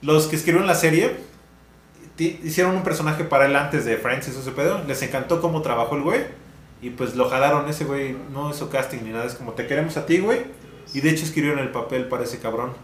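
A Mexican man co-hosting a podcast, telling stories in quick, slangy casual chat. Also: medium pitch, slight background noise. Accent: Mexican Spanish. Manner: fast, slangy storytelling. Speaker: podcast co-host. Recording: echoey room.

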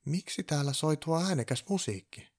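A man's voice: a little high, lively intonation, darkish tone, pitched above the performer's own voice. A man doing a puzzled, innocent elf.

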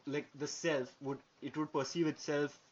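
A man's voice: fairly high pitch, level tone, normal speed. A man co-hosting a podcast in a casual philosophical discussion, speaking hesitantly with frequent tag words like yeah and okay. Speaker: podcast co-host. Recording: muffled lo-fi audio with background noise.

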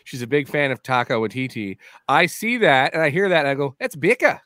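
A man's voice: medium pitch, animated, brisk, sharp tone, clear, resonant tone, no echo. Dry-sounding jokey man. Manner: jokey, riffing. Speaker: podcast co-host. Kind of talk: casual chat.

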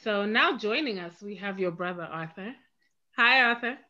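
A woman's voice: medium pitch, lively intonation, moderate pace, bright, forceful tone. A woman hosting an interview, asking long, chatty questions with fillers like "um" and "like.". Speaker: interview host. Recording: dull lo-fi audio.

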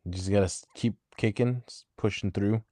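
A man with a lowish voice bantering on a podcast, teasing his co-host with playful jokes. The sound is dry and close to the mic. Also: fairly even intonation, moderate pace, mellow, dry recording. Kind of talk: casual chat.

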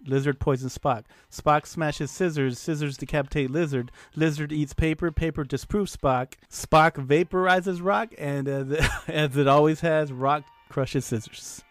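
A man hosting a casual chat, playful and quick to laugh, with faint music behind him. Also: on the high side, no room sound. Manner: playful, laughs often, hypes up the game. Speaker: podcast host.

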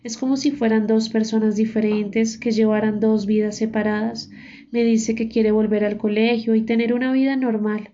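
Anxious pleading mother from a spoken story, read by a woman; fairly high, flat delivery, dull recording. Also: moderate pace, a little hiss or hum, lightly acted. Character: worried middle-aged mother pleading with a priest.

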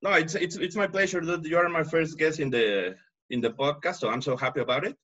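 A man's voice: on the high side, fairly quick, a bit bright, highs cut off. A man hosting a casual podcast, speaking hesitantly with frequent restarts. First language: Spanish. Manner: hesitant, restarts often in English. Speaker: podcast host.

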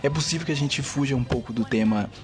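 A man's voice: medium pitch, fast, a little hiss or hum. A man with a Bahian Brazilian accent co-hosting a podcast in a casual, chatty style. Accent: Bahian Brazilian Portuguese. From Salvador, Bahia, Brazil. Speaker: podcast co-host. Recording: loud background music under the voice. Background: background music.

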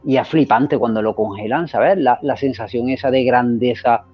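A man hosting a casual chat, talking excitedly and rambling, with lots of restarts and filler questions. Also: medium pitch, moderate pace, husky, faint music behind. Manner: excited, rambling, repeats himself often. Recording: dull lo-fi recording.

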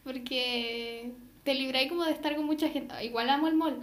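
A teenage girl with a Chilean accent and a high voice chats with friends. She laughs easily and tells her stories in a lively way. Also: normal speed. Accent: Chilean Spanish. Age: teens. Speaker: student. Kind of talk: casual chat.

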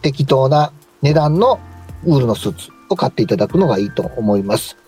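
A man's voice: medium pitch, very animated, brisk, mellow, breathy edge, soft background music. A man with a Kansai Japanese accent giving a polite, informal explanatory talk as a radio co-host and stylist. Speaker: co-host, stylist and tailor shop manager.

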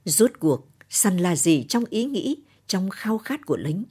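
A woman narrating a literary short story for radio in a measured, solemn reading. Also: mid-range voice, very animated, darkish tone, slightly rough.

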